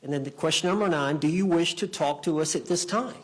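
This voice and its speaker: A man working as an attorney in a courtroom, examining a witness in a halting way, often repeating and rephrasing his questions. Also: on the high side, husky.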